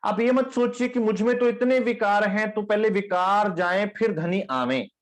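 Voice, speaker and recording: High-voiced man giving a scripture discourse. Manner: addresses listeners as "sundar saath", chants verses slowly. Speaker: spiritual teacher.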